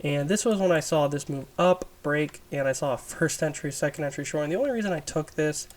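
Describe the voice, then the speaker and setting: A man with a raspy, under-the-weather voice gives an informal, explanatory chart review as an instructor, thinking aloud as he goes. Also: a little high, fairly quick. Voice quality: raspy, smoker's-rasp sound. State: sick, raspy voice. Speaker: trading instructor.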